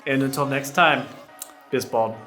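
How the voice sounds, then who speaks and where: A man's voice: mid-range voice, a little slow, pushed and bright, soft background music. Joking man vlogger. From United States. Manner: joking, teasing, goofy. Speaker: co-host of a couple's vlog. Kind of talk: casual vlog chat.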